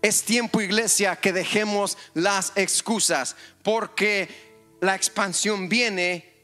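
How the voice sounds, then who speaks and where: A male pastor preaching a lively sermon in a church, joking with the congregation and calling for amens. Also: high voice, slow pace, soft background music. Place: church hall.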